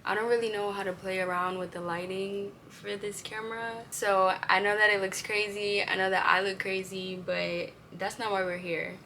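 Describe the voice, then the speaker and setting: A young woman talks casually to her followers like a vlogger. She has a laid-back stoner manner with slangy, conversational phrasing. Her pitch sits in the middle for a woman. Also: level tone, normal speed, hardly any pauses, pushed and bright, a little hiss or hum. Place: inside a parked car, later a room at home.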